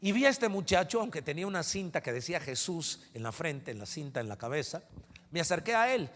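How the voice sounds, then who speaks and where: A man, a pastor telling a story in a sermon and building to loud climaxes, recorded at a conference. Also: a little high, very animated, fairly quick. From Guatemala. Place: large conference hall. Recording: reverberant conference hall.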